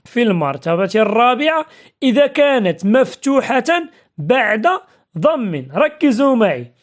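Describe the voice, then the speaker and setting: A woman teaching a spelling lesson, patiently asking and answering her own questions and drilling example words slowly. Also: fairly high pitch. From Morocco.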